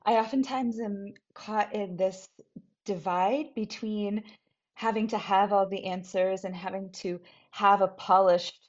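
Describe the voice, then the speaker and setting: A woman's voice: medium pitch, darkish tone. Thoughtful American woman, lo-fi sound. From New Hampshire, US. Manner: thoughtful, searching, with restarts. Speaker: scholar and teacher. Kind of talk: reflective personal talk. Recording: dull lo-fi recording.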